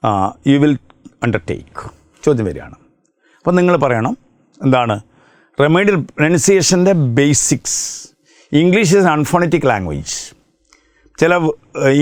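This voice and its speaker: A man with a Malayali accent teaching an exam prep lecture, dictating points slowly and then explaining fast, asking questions and answering them himself. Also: mid-range voice, dry recording, clean studio sound. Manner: switches between slow dictated English points and rapid explanation.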